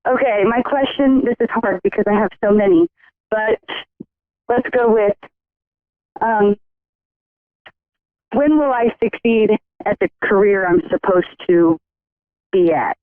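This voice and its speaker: Female caller from Missouri, earnest and halting, heard through a thin, dry phone-line headset. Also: medium pitch, no room sound. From Missouri, USA. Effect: phone-line headset audio. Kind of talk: call-in phone chat.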